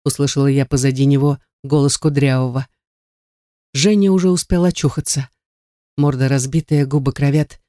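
A woman's voice: very deep voice, fairly even intonation, normal speed, mellow, no room sound, studio quality. A woman narrating a first-person romance novel with emotional, dramatic delivery. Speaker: audiobook narrator.

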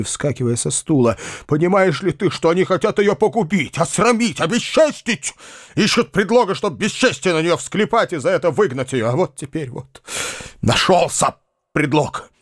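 A man voicing a kindly, anxious middle-aged country gentleman who confides in a breathless, rushed way. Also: mid-range voice, dry recording, clean studio sound, natural voice. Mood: desperate.

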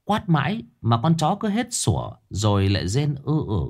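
A man's voice: mid-range voice, huge pitch swings, moderate pace, darkish tone. A man narrating a horror story in a vivid, dramatic way.

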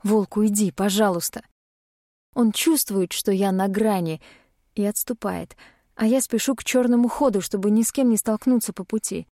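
A young woman reads a first-person audiobook with a dark, mellow tone. Her delivery is emotional and tearful, recorded dry and close to the mic. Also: mid-range voice, moderate pace, no echo. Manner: tearful, emotionally charged reading. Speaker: audiobook narrator.

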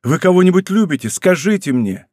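A man voicing a young nobleman in love who speaks softly, respectfully and with restraint. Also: very animated, a little fast, dry recording, clean studio sound. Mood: restrained earnest. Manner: low, soft, restrained and deferential. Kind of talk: audiobook character reading.

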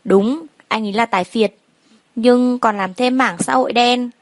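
A woman's voice: on the high side, moderate pace, no room sound, close to an everyday voice. A woman voicing a chatty young female friend who speaks in a breezy, reassuring way.

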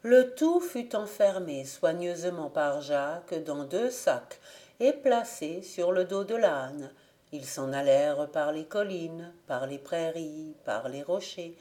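Slow, mellow woman reading a fairy tale. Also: fairly low pitch. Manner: calm, measured. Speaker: audiobook reader. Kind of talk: storybook narration.

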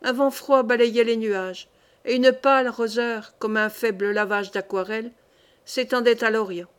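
A woman narrating a classic short story in a measured, expressive way. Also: on the high side, clean tone. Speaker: reader. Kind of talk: literary audiobook narration.

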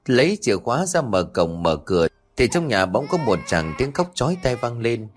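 A man narrating a horror audiobook in an expressive, dramatic way. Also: mid-range voice, normal speed. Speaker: storyteller.

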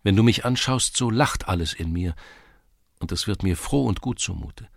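A man voicing a shy, tender seventeen-year-old village girl in an audiobook, speaking softly and with longing. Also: low-pitched, moderate pace, gravelly, dry recording, studio quality. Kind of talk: audiobook character reading.

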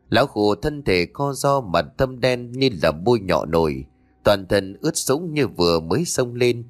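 A man reading a village horror story aloud as an audiobook narrator, telling it with expression. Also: fairly low pitch.

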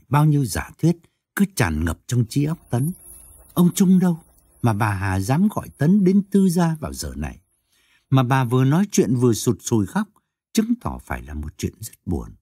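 A man narrating a story aloud in an expressive storytelling manner. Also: breathy edge, no echo, clean studio sound. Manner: expressive storytelling with swooping pitch.

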